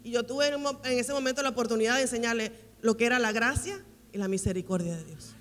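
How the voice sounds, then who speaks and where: A woman's voice: fairly high pitch, fast, slight background noise. A woman pastor preaching at a women's conference. She is emphatic and repeats key phrases for weight. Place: large church hall. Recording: reverberant hall with faint music.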